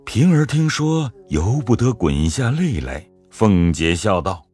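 A man narrating an audio drama in a measured storytelling manner. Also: on the low side, sing-song, a little mellow, slightly rough, faint music behind.

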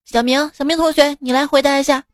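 A woman's voice: high voice, fairly even intonation, fast talker. A woman hosting a comedy radio show, reading jokes in a playful, teasing way and acting out the characters' lines. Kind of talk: comic joke reading.

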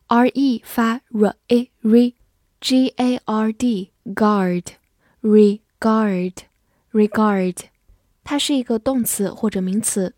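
A woman in gives a scripted vocabulary lesson at an unhurried, careful pace. She spells each word letter by letter and reads example sentences slowly. The recording is dry and close. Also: medium pitch, darkish tone, no room sound. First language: Chinese. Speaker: English vocabulary teacher.

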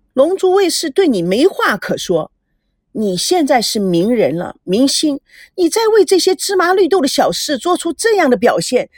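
A woman's voice: sits high, no room sound, voice pushed up. Earnest lecturing crew woman, patient and outspoken, woman reader voicing her, dry sound.

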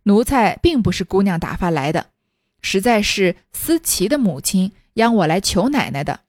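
A woman's voice: mid-range voice, very animated, moderate pace, a little mellow, no room sound, clean studio sound. A woman voicing a humble older servant woman who pleads deferentially on someone else's behalf. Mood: pleading.

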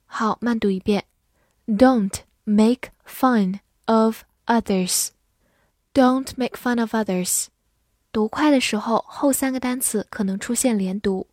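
A woman teaching English vocabulary, explaining in Chinese and reading English sentences slowly, spelling words out letter by letter. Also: a little high, a little mellow, no room sound, studio quality. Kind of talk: vocabulary lesson with slow read-alouds.

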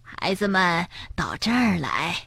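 Granny Bear: woman doing a soft gentle old bear granny. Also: big pitch swings, slow, creaky, husky, no room sound, studio quality, full character voice. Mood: soothing. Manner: soft, soothing, lowered voice. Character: kind old grandmother bear, gentle and calm.

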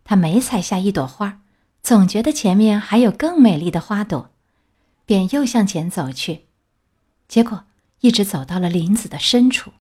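Expressive woman reading a fairy tale. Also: medium pitch, normal speed, slightly rough. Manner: gentle, expressive. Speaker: storyteller. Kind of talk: children's story reading.

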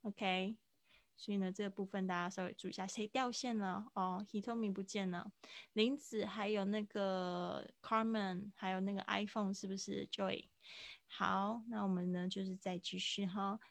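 Woman, English teacher, live online class, patient explaining, gravelly voice, dry sound. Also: medium pitch, fairly even intonation, normal speed, no room sound. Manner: patient explaining, mixing English phrases into Mandarin.

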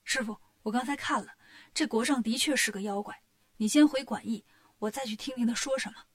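A woman voicing a clever, boastful male monkey king in a storybook reading, talking briskly and confidently. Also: a little high, lightly acted.

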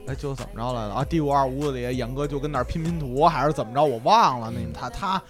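A young man, a podcast co-host, telling a story in casual chat, excitable and swearing often. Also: mid-range voice, quick pace, soft background music.

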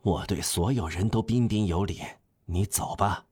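Man playing a stern male innkeeper, deep voice, clipped refusals, storybook reading. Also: moderate pace, dark tone, slightly rough. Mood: cold. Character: male innkeeper, curt and unyielding. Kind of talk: audiobook character reading.

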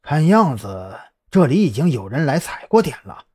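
A man voicing a wary, experienced male police officer who talks in a brisk, practical and reassuring way, with a husky voice. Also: fairly high pitch, very animated, darkish tone.

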